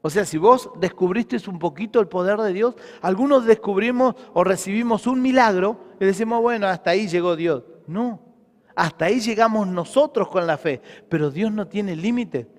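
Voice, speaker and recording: A man's voice: high-pitched, moderate pace, big-room sound. A man preaching a sermon as pastor, with a Rioplatense Spanish accent, emphatic and full of rhetorical questions.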